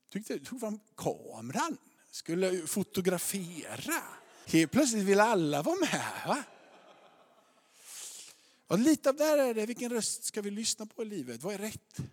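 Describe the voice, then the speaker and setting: A man in his thirties preaching a sermon, telling lively personal stories and acting out the voices of his family. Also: sits high. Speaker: pastor.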